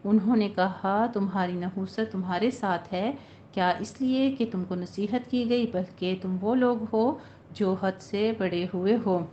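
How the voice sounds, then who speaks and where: A woman teaching tajweed, reciting verses slowly and then explaining each recitation rule in brisk speech. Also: mid-range voice, warm tone. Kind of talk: tajweed lesson with slow recitation. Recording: dull lo-fi recording with faint noise.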